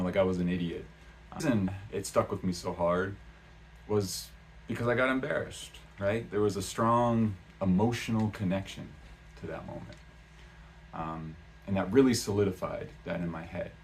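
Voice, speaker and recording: A man talking casually in a vlog about learning a language, rambling with lots of "um" and "uh" and restarting his sentences. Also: deep voice. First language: English. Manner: rambling, many fillers and restarts.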